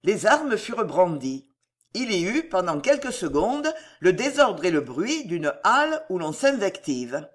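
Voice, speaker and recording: An audiobook narrator reads a historical adventure novel with drama and vivid colour, carrying the scene's action in a medium-pitched voice. The pitch swings widely from phrase to phrase, and the delivery is very animated but a little slow.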